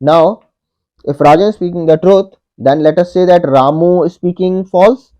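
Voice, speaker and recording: A man's voice: sits high, moderate pace. Methodical man tutoring a logic puzzle. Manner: methodical, repeats each step and says "okay" often. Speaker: online tutor. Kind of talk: whiteboard puzzle walkthrough. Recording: dull lo-fi audio.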